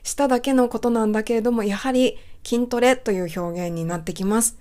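A woman's voice: a little high, fairly quick, a little mellow. A woman teaching English pronunciation, explaining politely step by step and whispering example words to model them. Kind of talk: explanatory lesson talk.

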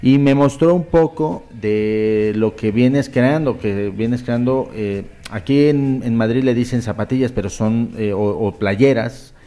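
A man's voice: medium pitch, measured pace, few pauses. Effusive Mexican man interviewing. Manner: lively, effusive, rambling with many restarts. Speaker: interviewer host. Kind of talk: casual interview.

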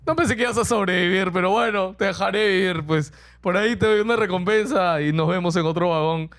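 A man's voice: sits high, a little fast, fairly bright tone. A man voicing a talking train run by an artificial intelligence, speaking in a taunting way.

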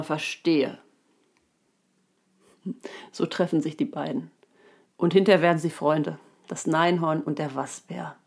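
Calm woman pastor giving a devotion. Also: lowish voice, vocal fry. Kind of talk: recorded phone devotion.

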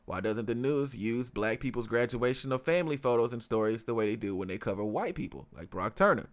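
A man's voice: mid-range voice, animated, fairly quick. A man co-hosting a podcast in casual conversation, rambling with lots of fillers and restarts. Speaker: podcast co-host.

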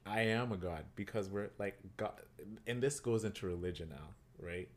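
With a fairly low pitch and moderate pace, a man of Kenyan heritage co-hosts a podcast in a casual, animated style. His speech is full of "like" and repeated words.

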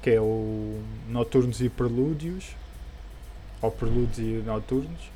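A man's voice: medium pitch, fairly even intonation, slow pace, mellow. A man with a European Portuguese accent chatting casually about comic books in a hesitant, rambling, colloquial way. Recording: background music under the voice.

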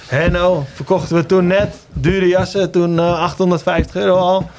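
A man's voice: sits high, level tone, moderate pace, darkish tone. A man who runs a menswear shop, telling an anecdote in casual podcast chat with lots of fillers.

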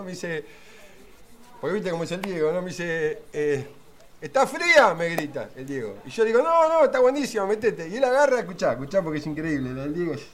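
A man with a Rioplatense accent playing an earnest middle-aged man who tells rambling anecdotes full of fillers and asides in a comedy sketch. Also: sits high. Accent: Rioplatense Spanish. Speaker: friend telling anecdotes.

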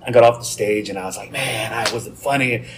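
A man who does stand-up, a podcast guest telling lively stories. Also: mid-range voice, a little fast, a little hiss or hum. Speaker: guest comedian. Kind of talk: casual chat.

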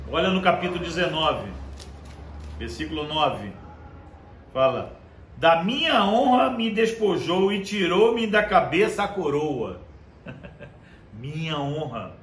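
A male preacher delivering a conversational sermon, reading scripture aloud slowly and checking in with his listeners. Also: medium pitch, fairly bright tone, slight background noise. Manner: conversational, constant tag questions. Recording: echoey room with faint ambience.

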